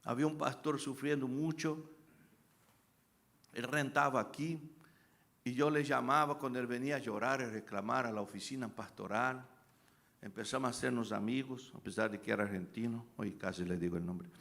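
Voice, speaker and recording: Gravelly-voiced man preaching a sermon. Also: mid-range voice, moderate pace. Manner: dramatic, drops to a hush when quoting Jesus. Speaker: pastor.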